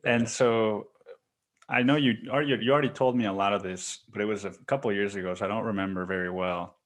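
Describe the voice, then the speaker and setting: An easygoing male podcast host with a low voice asks his guest questions in a relaxed, curious way. He swears now and then in casual chat. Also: fast talker. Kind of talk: casual interview.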